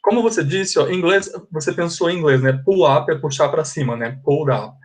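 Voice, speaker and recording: A man with a Brazilian Portuguese accent and a somewhat high voice speaks a little fast while teaching an online English class. He moves between Portuguese and English, patiently explaining and repeating the forms, and checks in with his students.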